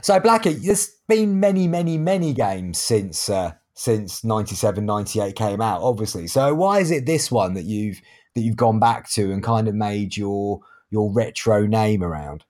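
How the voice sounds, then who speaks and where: A man's voice: on the low side, expressive, moderate pace, a little mellow. A man hosting a podcast in a chatty, self-deprecating, casual way. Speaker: podcast host.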